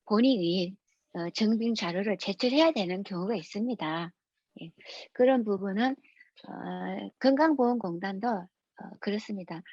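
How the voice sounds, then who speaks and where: A woman's voice: mid-range voice, slightly rough, no room sound, highs cut off. A woman giving a lecture, explaining rules through anecdotes in a storytelling manner.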